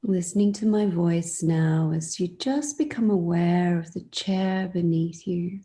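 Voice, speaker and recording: A woman's soft, lower-pitched voice guides a meditation, soothing and gentle and sometimes breathy. She lets long pauses fall between her phrases.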